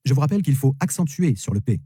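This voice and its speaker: Dark husky man teaching vocabulary. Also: mid-range voice, very animated, no echo. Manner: slow, repeats each word three times. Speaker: English teacher. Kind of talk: vocabulary lesson, repeating words.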